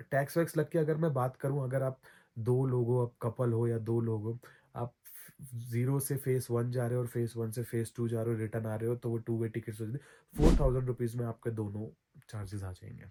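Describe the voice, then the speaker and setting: A man's voice: mid-range voice, dark tone. A man giving casual travel advice as a vlogger, chatty, often repeating himself and correcting his own slips. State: throat recovering from soreness.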